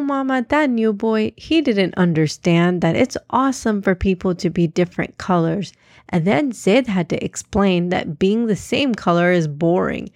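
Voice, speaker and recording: A woman's voice: mid-range voice, darkish tone, no echo, studio quality, close to an everyday voice. A woman voicing an eager, bossy, chatty little girl in a children's storybook. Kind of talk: storybook reading.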